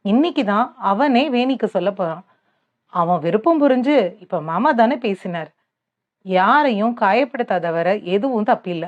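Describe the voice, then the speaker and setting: A woman's voice: mid-range voice, lively intonation, a little slow, dull audio, lightly acted. A woman voicing a young man who comforts and advises a crying girl in a soothing tone, in an audiobook. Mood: comforting. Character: young man, teasing then gently fatherly.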